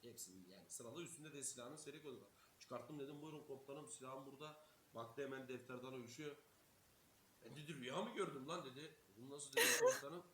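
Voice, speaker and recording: A man's voice: medium pitch, expressive, fast talker, a bit bright. A young man from Turkey telling a story casually as a streamer, swearing a lot and acting out every quoted line. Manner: swears constantly, acts out quotes, laughs while telling. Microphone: streaming mic. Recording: echoey room with faint hiss.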